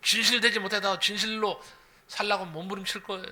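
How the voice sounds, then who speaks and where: A man's voice: high-pitched, fast. A male pastor preaching a sermon, telling a story and asking the congregation questions. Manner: lively, repeats phrases, asks the congregation questions.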